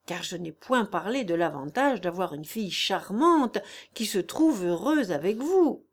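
A woman reading the part of a cheerful, contented elderly lord of a manor in an audiobook, in a jovial, warm-hearted manner. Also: mid-range voice, very animated, unhurried.

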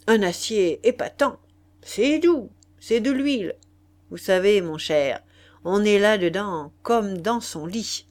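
A man's voice: high-pitched, animated, slow. A woman voicing a boastful aristocratic marquis. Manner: emphatic, salesman-like bluster. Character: boastful smooth-talking aristocratic marquis, man.

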